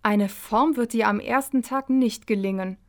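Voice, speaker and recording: A woman voicing a calm, kindly male angel who blows glass, in a children's story. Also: on the high side, normal speed, lightly acted.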